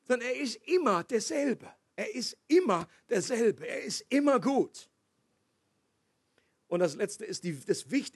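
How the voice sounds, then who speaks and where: A man's voice: high voice, slightly rough, no echo, clean studio sound. A man preaching a sermon, explaining scripture in a conversational way with asides and restarts.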